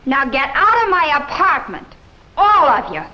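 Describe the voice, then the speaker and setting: A woman's voice: high-pitched, sing-song, a little slow, muffled recording. An actress playing a brassy, defiant young woman who talks in coarse street slang, in a 1950s TV drama.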